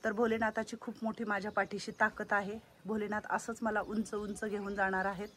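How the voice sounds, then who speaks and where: A woman giving a casual walk-around vlog of an old age home she runs, chatting and loudly coaxing the residents. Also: medium pitch, little pitch movement, fairly quick, a little hiss or hum.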